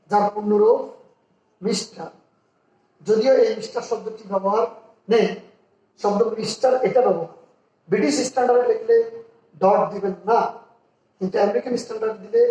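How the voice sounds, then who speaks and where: A man's voice: high-pitched, mellow. A man explaining English grammar rules step by step, reading example sentences aloud and repeating key terms. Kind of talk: explanatory lesson. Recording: echoey room.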